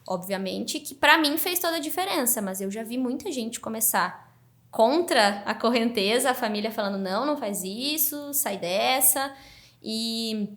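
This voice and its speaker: A woman guest on a podcast, telling her story animatedly in a casual interview. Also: a little high. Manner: animated, excited narration.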